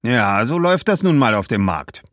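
A man's voice: medium pitch, very animated, moderate pace, fairly bright tone, no echo, studio quality, pitched above the performer's own voice. A man voicing a shrewd, grumbling middle-aged shoemaker who haggles skeptically. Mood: haggling.

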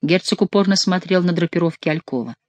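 A narrator giving an expressive, theatrical reading of a historical novel. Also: medium pitch, quick pace, no echo, lo-fi sound. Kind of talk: audiobook narration.

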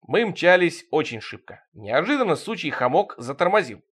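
Male storyteller, theatrical and bouncy, slightly high with a wide swing in pitch. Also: sing-song, normal speed, fairly bright tone, breathy edge. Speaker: narrator. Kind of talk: expressive reading of a surreal story.

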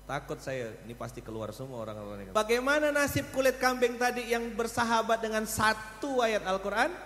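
A middle-aged man with a Pontianak Malay accent giving a humorous sermon with animated storytelling and playful crowd work. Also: high voice, brisk. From Pontianak, West Kalimantan. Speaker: preacher. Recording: echoey hall with faint noise.

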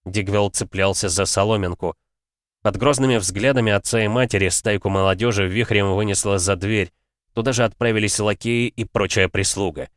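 A man reading a fantasy audiobook in an expressive, measured storytelling way. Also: fairly low pitch, no room sound, studio quality. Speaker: audiobook narrator. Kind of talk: dramatic audiobook narration.

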